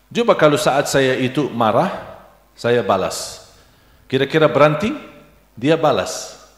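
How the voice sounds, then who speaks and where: A middle-aged man preaching a sermon with storytelling, animated and acting out the dialogue in his stories. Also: medium pitch. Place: large hall at an Islamic boarding school. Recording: echoey hall with long reverb.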